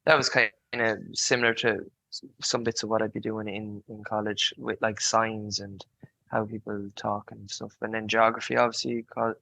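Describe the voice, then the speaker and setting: Man, early 20s, creaky, bright tone, even pitch, colloquial casual chat, very dry sound. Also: normal speed, no echo, low-quality recording. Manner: colloquial, frequent "like" and "you know". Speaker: podcast guest, student on work placement.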